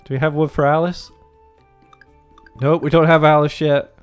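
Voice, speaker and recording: A man's voice: fairly high pitch, level tone, normal speed, clear, resonant tone, dry recording. A man giving casual, crude, joking commentary while playing a farming game, rambling and often restarting his sentences. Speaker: gaming video host. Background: faint game music.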